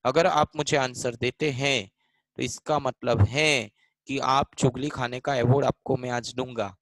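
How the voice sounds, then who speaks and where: A man's voice: medium pitch, steady tone, measured pace, a bit bright, no room sound, low-quality recording. A man teaching English grammar in a live online class in Hindi, mixing in English, repeating lines and calling students by name. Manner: switches between Hindi and English mid-sentence.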